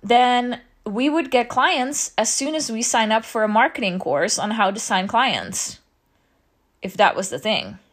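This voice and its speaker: A business coach in her thirties talks casually to her audience in a teaching style, her voice fairly high with lively intonation and a slightly slow pace. She sounds out of breath and chatty, often asking "right?"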